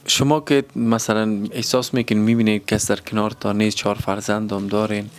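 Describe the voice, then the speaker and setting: A man with a fairly low voice, interviewing families for a charity. He speaks softly and politely, often pausing with hesitation fillers. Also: level tone, smooth. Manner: soft-spoken, polite, with frequent hesitation fillers. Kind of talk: gentle interview questions.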